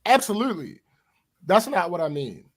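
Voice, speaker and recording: A man's voice: high voice, very animated, normal speed. Emphatic man explaining on a podcast. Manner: emphatic, explaining, restarts a lot. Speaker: podcast co-host. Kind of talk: casual podcast chat.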